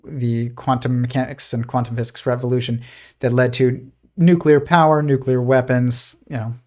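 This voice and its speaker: A man's voice: mid-range voice, steady tone, normal speed, darkish tone. A man hosting a live physics stream, talking casually and rambling with lots of fillers and restarts. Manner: puts on a posh old-timey voice when quoting. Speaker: host of a live physics show.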